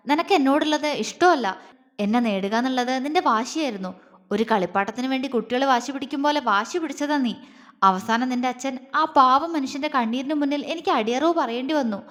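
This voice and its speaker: A woman's voice: sits high, moderate pace, lightly acted. A woman reading the part of an angry young husband in a romance audio story, speaking harshly and with contempt. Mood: scornful. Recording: long hall reverb.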